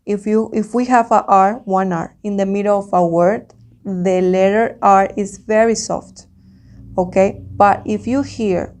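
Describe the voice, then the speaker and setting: A native Spanish speaker with a Spanish accent, this woman teaches a slow, dictation-style language lesson, deliberately repeating words and sounds for her learner. Her voice is medium-pitched with a darkish tone.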